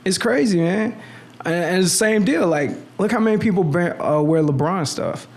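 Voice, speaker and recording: A high, animated and slightly mellow voice moves at a moderate pace as this guest in his thirties chats casually. He rambles in slang, often starts his sentences over and keeps saying "you know what I'm saying."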